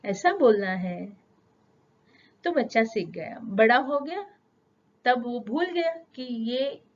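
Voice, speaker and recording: A middle-aged woman gives a spoken English lesson at a very slow pace, her voice sitting a little high. She explains patiently with everyday examples and draws out English sentences. The recording sounds dull and lo-fi. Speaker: English teacher.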